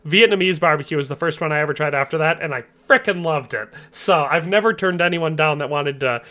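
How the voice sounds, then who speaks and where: A young man from the Upper Midwest chats casually on a game livestream and reads viewer messages aloud. He laughs easily as he goes. His voice sits a bit high and rings bright. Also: fairly quick. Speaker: game streamer.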